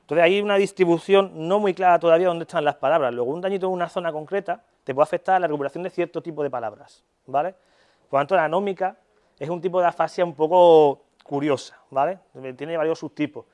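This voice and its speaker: A man's voice: fairly high pitch, darkish tone. A young Spanish man giving a university lecture in a casual, chatty way, often checking in with his listeners and swearing in jest. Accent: Spanish (Spain). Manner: casual, chatty, frequent "¿vale?" check-ins. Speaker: neuropsychology lecturer.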